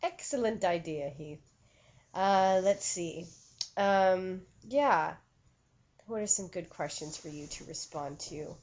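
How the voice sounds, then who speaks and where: Woman medium, rambling and self-aware; low, warm voice; muffled recording. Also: takes it slowly. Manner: self-conscious, chatty, many fillers and restarts. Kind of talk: conversational channeling session. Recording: dull lo-fi recording.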